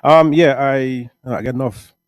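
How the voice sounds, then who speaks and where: A middle-aged Guyanese man with a Guyanese accent, answering interview questions about his life in a relaxed, rambling way, often tagging "right?" onto his sentences. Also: medium pitch, measured pace, smooth, no room sound. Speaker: music artist and producer.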